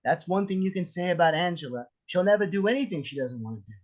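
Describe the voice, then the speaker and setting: A man's voice: high voice, expressive, fast talker. Man acting a volatile, mocking jealous husband, swooping delivery. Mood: bitterly sarcastic. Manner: theatrical, mocking, profane. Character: menacing, jealous armed husband, sarcastic and volatile. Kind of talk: table read of a film script. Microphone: video call.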